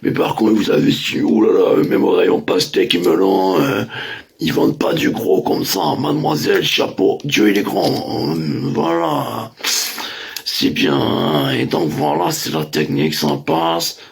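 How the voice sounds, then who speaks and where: A man's voice: mid-range voice, very animated, a little slow. A man doing a rambling, boastful comic monologue, full of fillers. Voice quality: gravelly, husky. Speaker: comic playing a crude braggart.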